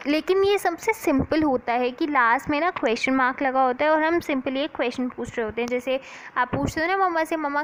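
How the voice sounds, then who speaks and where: Chatty high-voiced woman teaching grammar. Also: poor audio. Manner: chatty, mixes Hindi with slow deliberate English definitions. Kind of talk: casual classroom lesson.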